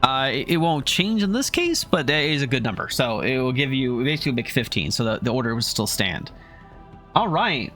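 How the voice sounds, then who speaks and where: A man at a middle pitch runs a homebrew tabletop game, describing scenes and rules. He talks in a halting way, full of fillers and restarts. Soft music plays faintly behind him. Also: very animated. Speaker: game master.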